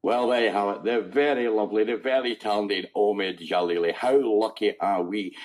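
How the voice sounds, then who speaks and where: A man's voice: fairly low pitch, normal speed. A Scottish man hosting a radio show, chatting and joking casually. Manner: jokey, chatty, warm sign-offs. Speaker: radio host.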